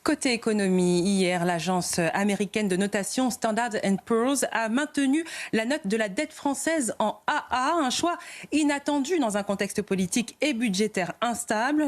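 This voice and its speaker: A woman presenting the economy and world news on a live TV show. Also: fairly high pitch. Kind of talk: read news bulletin.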